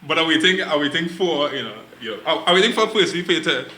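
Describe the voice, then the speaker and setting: A man's voice: fairly high pitch, lively intonation, fast talker, bright, forceful tone, echoey room, low-quality recording. A man guest on a podcast, joking with frequent "you know" and hesitant restarts. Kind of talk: casual chat.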